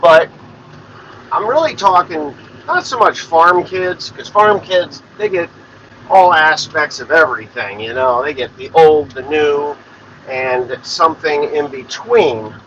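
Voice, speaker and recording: A man's voice: on the high side, expressive, a little slow, fairly bright tone, slight background noise. Plain-spoken farmer in his forties, muffled. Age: 40s. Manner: plain-spoken, rambling, swears freely. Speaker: farmer and podcast host. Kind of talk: casual rambling monologue.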